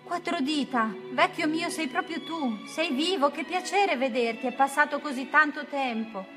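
A woman's voice: high voice, moderate pace, music in the background, voice pushed up, lightly acted. A woman voicing a cowardly male pirate captain who fawns and pleads for his life in an audiobook story. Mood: false cheer. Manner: pleading, fawning.

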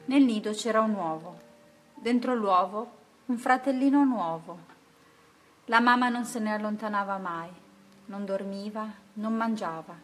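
A woman reading a children's picture book aloud in a gentle, rhythmic way. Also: medium pitch, a little slow, faint music behind. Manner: gentle, rhythmic, rhyming delivery. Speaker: storyteller.

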